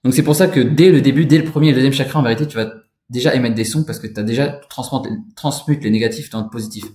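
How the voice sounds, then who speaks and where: Man, middle pitch, informal instructor, rambling, echoey room. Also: fast talker, warm tone. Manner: informal, rambling, addresses listener directly as tu. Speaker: spiritual energy instructor. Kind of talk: casual spoken lesson.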